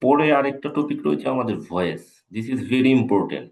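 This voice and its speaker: A man's voice: mid-range voice, expressive, normal speed, gravelly, darkish tone. A man, an English teacher, giving a live exam-prep lecture, repeating key points and checking in with his students. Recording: echoey room.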